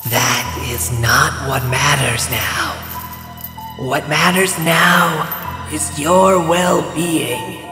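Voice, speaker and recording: Man acting echoing ghost of Sonic, a hedgehog hero. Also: on the high side. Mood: solemn warning. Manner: slow, solemn, haunting delivery. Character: ghost of a young male hedgehog hero, solemn, cocky. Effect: ghostly reverb. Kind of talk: audio drama character acting. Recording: long echoing reverb, music behind.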